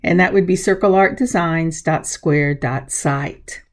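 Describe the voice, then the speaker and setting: Slow-talking woman with a gravelly voice. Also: low-pitched. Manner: chatty, unhurried, self-narrating. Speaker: craft tutorial host. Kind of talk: casual hands-on craft instruction.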